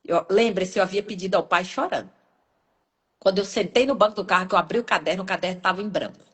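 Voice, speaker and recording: A woman's voice: medium pitch, fast talker. A woman preacher from Brazil with a Brazilian Portuguese accent, giving an emotional, emphatic sermon with personal testimony. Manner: emotional, emphatic, rising and falling sharply.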